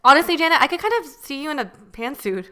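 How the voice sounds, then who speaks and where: A woman's voice: sits high, lively intonation, quick pace, very noisy. An American woman co-hosting a podcast in a casual, conversational style. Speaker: podcast host. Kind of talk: casual chat.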